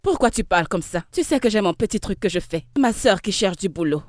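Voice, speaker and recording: Woman doing a pushy cheerful bread lady, bouncy pitch, dry sound. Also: lively intonation, brisk, no echo, natural voice. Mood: persuading. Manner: coaxing, chatty. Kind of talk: dubbed film acting.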